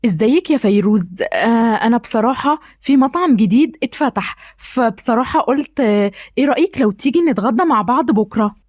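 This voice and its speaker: A woman's voice: a little high, expressive, fast talker, darkish tone, no echo, studio quality. A woman voicing a confident schoolboy with an Egyptian accent, persuading a classmate. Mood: coaxing. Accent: Egyptian Arabic. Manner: persuasive, coaxing. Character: confident schoolboy asking a girl out.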